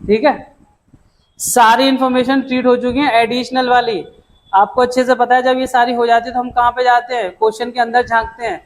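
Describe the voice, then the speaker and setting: A man teaching an accounting lecture in a brisk, chatty way, calling students "beta" and "dost" and dropping English terms into his explanations. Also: very high voice, little pitch movement, rough recording. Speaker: commerce tutor. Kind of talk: classroom lecture.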